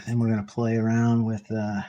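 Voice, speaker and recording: A man's voice: fairly low pitch, monotone, normal speed, mellow, rough recording. A man tattooing while he talks, mumbling casually with wry, sarcastic asides. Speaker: tattoo artist. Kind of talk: casual talk while working. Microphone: stand mic set for standing.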